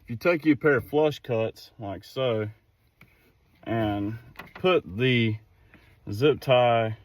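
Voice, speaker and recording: Another clip from the same DIY car vlog finds this man talking slowly in a mid-range voice, casual and folksy as he muses aloud over the hands-on job. He's outside at the vehicle in some wind, and the recording picks up plenty of noise and surrounding ambience.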